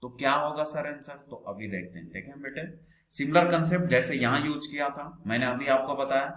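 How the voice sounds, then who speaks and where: A man's voice: medium pitch, fairly bright tone. A man teaching a maths class online in speech, patiently calling students "beta" and asking them questions as he explains. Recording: echoey room, faint background noise.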